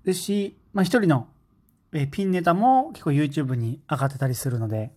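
A man's voice: fairly high pitch, expressive, fairly quick, a little mellow. A man talking casually on his own as a fan, rambling with many fillers and enthusiasm. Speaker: podcast host. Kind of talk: casual solo talk.

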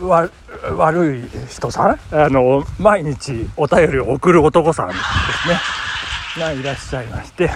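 A man's voice: fairly high pitch, expressive, a little slow. A man hosting a casual solo podcast, telling a story in a polite, chatty way with many fillers. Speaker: podcast host and amateur rakugo performer. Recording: noisy background.

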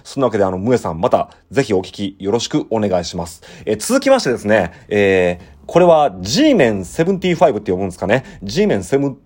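A man in his thirties speaks with a western Osaka Kansai accent, hosting a relaxed solo show where he reads listener mail. His talk is chatty and rambling, with lively swings of pitch as he explains things. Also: fast, hardly any pauses. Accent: western Osaka Kansai dialect. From Osaka, Japan. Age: 30s. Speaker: podcast host and musician. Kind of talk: casual solo talk reading listener letters.

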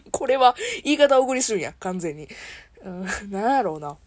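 A woman's voice: mid-range voice, sing-song, normal speed, darkish tone, no room sound. A woman with a Kansai accent talking alone in a playful, self-mocking, chatty way as host of a solo audio show. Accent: Kansai Japanese. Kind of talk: casual solo talk with impressions.

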